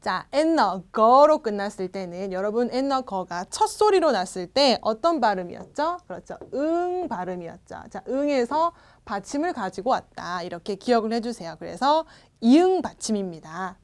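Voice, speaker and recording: Upbeat woman teaching pronunciation, lively pitch. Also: normal speed, hardly any pauses. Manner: patient, starts phrases with "자" and models sounds twice. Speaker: language teacher. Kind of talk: recorded pronunciation lesson.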